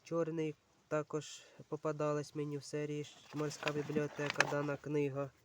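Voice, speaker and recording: A man's voice: fairly high pitch, monotone, moderate pace, very noisy. A man casually going through a pile of books, talking unhurriedly and thinking aloud with many fillers, addressing his viewers as friends. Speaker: book channel vlogger. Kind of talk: casual browsing commentary.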